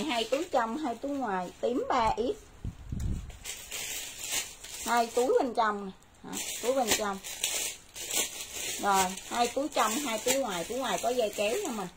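A woman hosts a live clothing sale and rattles off sizes and prices in brisk, repetitive bursts. Her voice sits a little high. Steady noise runs under the recording. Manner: brisk, repeats sizes and prices, addresses viewers. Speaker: livestream clothing seller. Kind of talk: live sales stream. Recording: noisy livestream audio.

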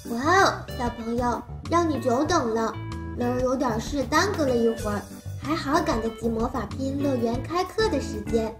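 Woman voicing a high-pitched little cartoon creature, toddler teacher. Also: moderate pace, music in the background, lightly acted. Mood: eager, encouraging. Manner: simple, exaggerated, encouraging talk, as if reading to a toddler. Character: little pink cartoon creature Le'er, cheerful child-like phonics teacher. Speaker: children's phonics teacher. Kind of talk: animated lesson for small children.

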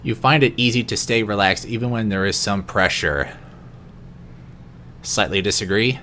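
Low-pitched man reading quiz questions. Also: normal speed, a little hiss or hum. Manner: reads each question aloud, then answers in a lower, quieter voice; occasional stumbles and restarts. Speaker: vlogger. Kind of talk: unscripted reading of a quiz aloud.

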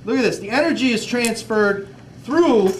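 A man's voice: very high-pitched, lively intonation, moderate pace. A man teaching physics to a class, asking lots of questions and repeating words as he demonstrates. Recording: echoey classroom, distant mic, background noise.

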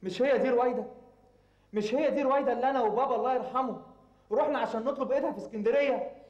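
A man's voice: mid-range voice, rapid-fire, mellow, lightly acted. An actor playing an Egyptian engineer torn between his mother and a woman he once loved, pleading and sometimes exasperated, with an Egyptian accent. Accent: Egyptian Arabic. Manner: pleading, rising to exasperated outbursts. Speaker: actor in TV drama. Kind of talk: Egyptian TV drama acting. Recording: roomy, dull TV drama sound.

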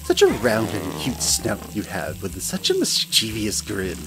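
A man plays a smug hyena mad scientist for a hobby audio play, his fairly low voice swooping wildly in pitch at a measured pace, over background music in a low-quality recording. Gloating, the villainous scientist addresses the listener with silky, theatrical condescension and frequent chuckles.

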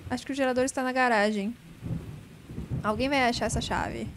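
A young woman doing casual let's-play commentary, laughing nervously and shouting when startled. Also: a little high, steady tone, a little fast, background noise. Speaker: gaming streamer.

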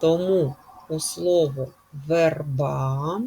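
A woman teacher giving a spelling lesson to young children, speaking slowly and emphatically and stretching stressed syllables. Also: sits low, steady tone, mellow, husky.

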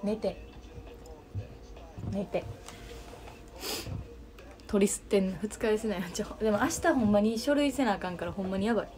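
A woman's voice: mid-range voice, moderate pace, long pauses, darkish tone. A young woman with a Kansai Japanese accent hosting a casual livestream, chatting and answering viewer comments. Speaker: livestream host.

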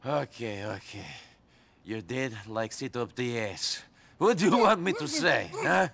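A man's voice: mid-range voice, unhurried, vocal fry, dry recording, full character voice. A sardonic tough guy. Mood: sarcastic. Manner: dry and sarcastic, even when threatened. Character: tough, sardonic male immigrant hero, dry humor. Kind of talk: video game cutscene acting.

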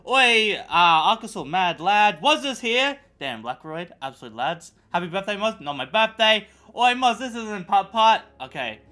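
Bright-voiced excitable male streamer. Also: sits high, normal speed, few pauses, soft background music. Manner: excitable, profane, bantering with chat. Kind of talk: casual live-stream chat while gaming.

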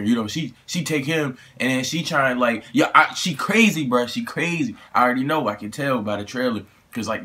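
A man's voice: medium pitch, fairly bright tone. A young man, chatting casually and rambling through a trailer reaction, slangy and full of fillers and restarts. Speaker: YouTube reaction host.

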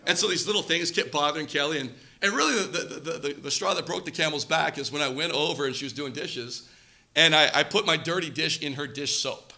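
A man in his thirties preaching a sermon through personal stories, animated and acting out quoted voices. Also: on the high side, a little fast. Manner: animated, acts out quoted voices, shouts for effect. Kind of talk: storytelling sermon.

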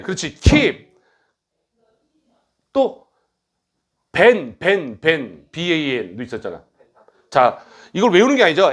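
The voice here sits high and a bit bright: a middle-aged academy director giving a grammar lecture in a brisk, blunt manner, teasing his class and adding rapid-fire questions.

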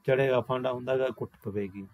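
A man reading aloud as a gruff, bossy village policeman who barks orders. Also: mid-range voice, steady tone, fast, dull audio, lightly acted.

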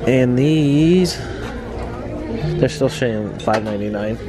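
A man's voice: medium pitch, slow pace, crowd noise. A man vlogging while walking through a merchandise store, chatting casually and rattling off one price after another. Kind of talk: casual shopping chat. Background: store music.

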